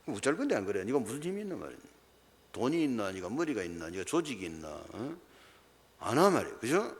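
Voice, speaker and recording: A man's voice: fairly low pitch, big pitch swings, quick pace. A man with a Gyeongsang Korean accent, a pastor preaching a sermon, emphatic and constantly throwing rhetorical questions at the congregation. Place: large church hall. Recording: long church hall reverb.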